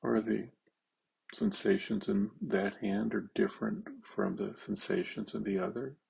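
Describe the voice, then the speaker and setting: Male meditation guide, low and raspy, fry-heavy, halting delivery with long pauses. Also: darkish tone, low-quality recording.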